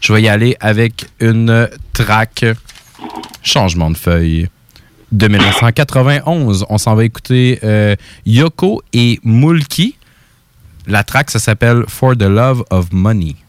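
A man's voice: fairly low pitch, unhurried, dry recording. A man with a Quebec French accent hosting a radio music show in slangy, hesitant casual chat peppered with English words. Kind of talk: casual chat introducing tracks.

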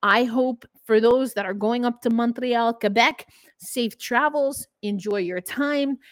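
A woman's voice: fairly high pitch, unhurried, dry recording. A woman with a New York accent hosting a casual hockey podcast, chatty and upbeat. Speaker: podcast host.

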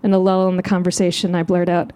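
A woman comedian telling a comic story live on stage, animated and self-mocking. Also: quick pace, clean tone. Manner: animated, self-mocking, jumps into high voices. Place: live show outdoors.

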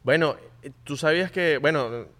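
Venezuelan man, slightly high chatty voice. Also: normal speed. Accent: Venezuelan Spanish. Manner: relaxed, chatty, laughs along. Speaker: podcast co-host. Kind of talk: casual chat.

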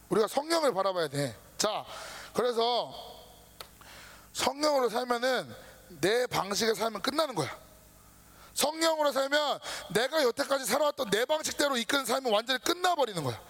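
A man preaching a casual sermon to a youth group, lively and informal, acting out his listeners' worries. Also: extremely high pitch. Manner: lively, talks down to students casually, acts out their worries. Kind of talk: sermon to teenagers.

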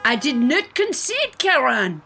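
A woman's voice: sits high, wildly swooping pitch, a little slow, gravelly, bright, forceful tone, slight background noise, heavily acted. A woman playing a pompous, self-important male president in a French Trump parody at a satirical press conference, making grand declarations with mock-French words. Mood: blustering.

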